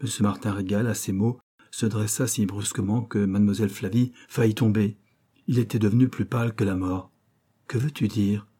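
A male audiobook narrator with a dark, mellow tone and a slightly husky grain. He reads the prose at a measured, even pace, keeping the storytelling steady and unhurried. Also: fairly low pitch. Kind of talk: scripted literary narration.

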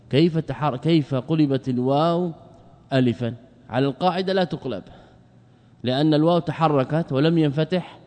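A man's voice: mid-range voice, dark tone. Man lecturing in a reverberant hall. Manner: poses rhetorical questions and answers them himself; drawls words slowly for emphasis. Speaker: religious scholar teaching a class. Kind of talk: explanatory lecture.

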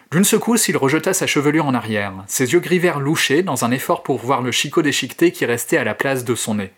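A man and host narrating a horror short story in an expressive, theatrical way. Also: a little high, husky. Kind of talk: dramatic reading of a horror story.

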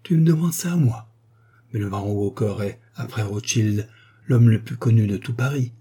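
A man's voice: lowish voice, moderate pace, warm tone, breathy edge. A man voicing a scheming former notary clerk turned fixer, jovial and fond of saying "mon bon". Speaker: character in an audiobook.

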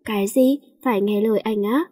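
A woman's voice: mid-range voice, a little fast, warm tone, breathy edge, close to an everyday voice. A woman voicing a feisty, irritable schoolgirl heroine in a storybook reading. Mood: irritated. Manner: irritable, grumbling. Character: feisty schoolgirl heroine, sulky and sharp-tongued.

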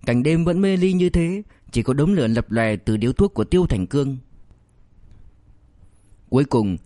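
A man's voice: medium pitch, moderate pace, dry recording. Dry-voiced male audiobook narrator. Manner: steady storytelling. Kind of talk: scripted narration.

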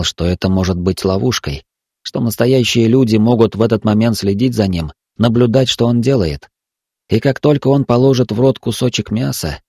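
A man reading a story aloud as narrator, in an even, measured delivery. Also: lowish voice, breathy edge, no echo, studio quality.

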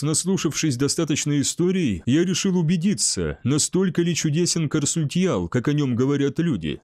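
A man voicing a bold young barbarian swordsman in an audiobook, gruff and wry. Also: on the high side, a little mellow, no room sound. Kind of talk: audiobook character voice.

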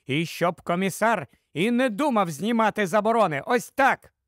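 A sharp-tongued, nagging middle-aged wife, voiced by a man reading the audiobook, scolds in a shrill, raised voice. The voice sits well above the reader's own, and the sound is dry and close. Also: animated, moderate pace, no echo. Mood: scolding.

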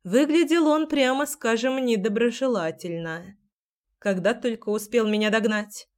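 A woman's voice: on the high side, normal speed. Woman reading a wry story aloud. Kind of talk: first-person audiobook narration.

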